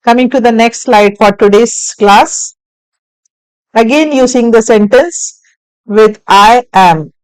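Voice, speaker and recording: A woman's voice: fairly high pitch, extremely slow, clear, resonant tone, no room sound, poor audio. A woman teaching a spoken lesson, reading short sentences for students to repeat and giving Hindi translations. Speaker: English teacher. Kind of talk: slow spoken English lesson.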